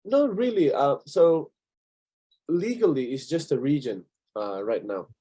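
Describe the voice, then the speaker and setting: A man's voice: on the high side, lively intonation, a little slow, warm tone, breathy edge. Man with a Basque accent, explaining. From Basque Country, Spain. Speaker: interview guest. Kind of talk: conversational interview answers.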